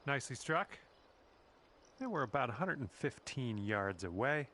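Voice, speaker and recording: An actor playing a friendly golf game commentator who speaks calmly and encouragingly to the player in scripted lines. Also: male voice, mid-range voice, moderate pace, a little hiss or hum.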